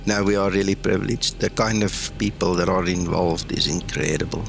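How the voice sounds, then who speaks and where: Afrikaans-accented man, gravelly voice. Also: low voice, fairly even intonation, moderate pace, over music. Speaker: flight sim streamer, host. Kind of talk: casual livestream chat.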